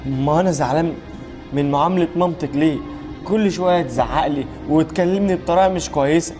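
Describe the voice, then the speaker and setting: A man with an Egyptian accent playing a tired, evasive father who stammers and speaks gently to his daughters, in a scripted web drama. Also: on the high side, close to an everyday voice. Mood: tender. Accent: Egyptian Arabic. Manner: fast, hesitant stammers. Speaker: actor. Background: background music.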